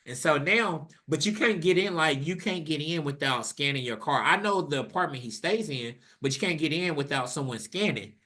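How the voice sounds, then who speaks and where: A young man on a casual podcast tells a story, cursing freely and jumping his voice up high whenever he quotes someone. His tone is bright and forceful, and it sits a little higher than most men's. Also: normal speed, hardly any pauses. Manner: animated, profane, acts out quotes with rising pitch. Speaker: podcast co-host.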